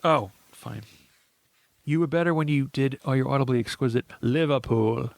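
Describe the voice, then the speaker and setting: A man's voice: mid-range voice, normal speed, vocal fry, no echo. A man co-hosting a podcast, rambling through a casual movie recap with frequent laughs and restarts. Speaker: podcast co-host.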